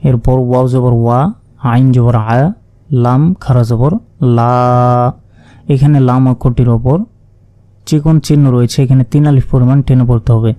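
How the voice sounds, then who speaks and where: A man teaching Quran reading, spelling out Arabic syllables patiently and chanting each word slowly. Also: medium pitch, steady tone, warm tone, no echo. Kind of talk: spelling out Arabic letter by letter, slow recitation lesson.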